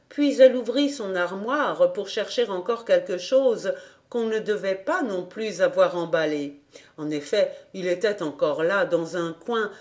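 A woman reading a children's novel aloud as a calm, even audiobook narration. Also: medium pitch. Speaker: volunteer audiobook reader.

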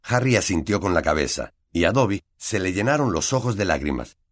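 A man with a Latin American Spanish accent reading an audiobook in a measured, steady storytelling manner. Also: low voice. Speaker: audiobook narrator. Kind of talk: scripted audiobook narration.

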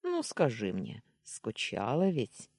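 A woman voicing a tired young man who talks slowly and coaxingly on the phone, with a husky voice. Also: very deep voice, wildly swooping pitch, a little mellow, no room sound, studio quality, exaggerated voice. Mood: teasing. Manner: slow, coaxing, teasing drawl.

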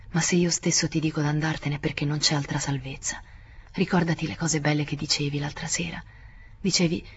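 A woman reading the part of a feverish, guilt-ridden young man in a hushed, pleading voice. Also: lowish voice, highs cut off, a little hiss or hum, close to an everyday voice. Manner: hushed, pleading, near-whispered.

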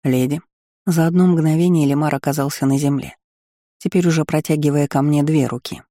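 A man reads an audiobook aloud with expressive delivery. His voice is slightly high but dark and mellow. The sound is close and dry, with no room. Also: fairly quick, no echo. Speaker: audiobook reader. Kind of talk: scripted narration.

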